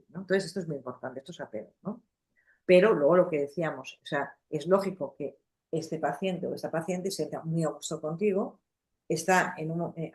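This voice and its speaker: Low-voiced woman teaching casually. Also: a little mellow. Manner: conversational, many fillers and restarts, acts out examples. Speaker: psychotherapy teacher. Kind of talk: lecture to a class.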